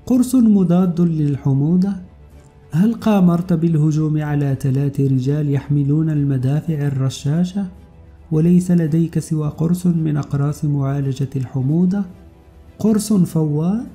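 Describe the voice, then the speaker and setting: A bold young woman intelligence officer, as a man narrator puts her on, pitched up and tense in her questions. The tone stays deep-toned and mellow under the lift, and she speaks with urgent astonishment in an audiobook adventure. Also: a little fast, faint music behind, natural voice. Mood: astonished.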